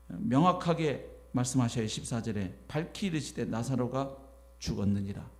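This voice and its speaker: A man preaching a sermon as pastor, animated, acting out imagined voices as he goes. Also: mid-range voice. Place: church sanctuary.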